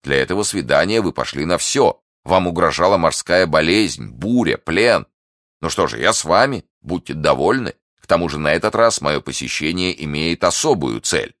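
A man voicing a sardonic English lord in an audiobook, mocking and deliberate. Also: sits low, animated, fairly bright tone, no echo, clean studio sound, voice pushed up.

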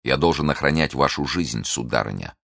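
A torn, devout young officer speaking gravely in a very deep, low voice, as a male reader does him. The audiobook sound is dry and close-miked. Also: animated, fairly quick, a bit bright, no echo, heavily acted. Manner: grave, solemn. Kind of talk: audiobook reading.

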